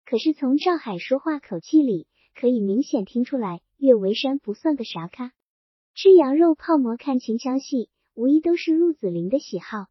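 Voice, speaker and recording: High, husky woman reading a novel. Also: lively intonation, moderate pace, dry recording. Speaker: audiobook narrator. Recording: dull, dry lo-fi recording.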